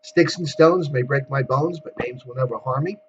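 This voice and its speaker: Rabbi, male, relaxed talky weekly sermon; dull home recording with a light hum. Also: mid-range voice, normal speed. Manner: conversational, asks rhetorical questions.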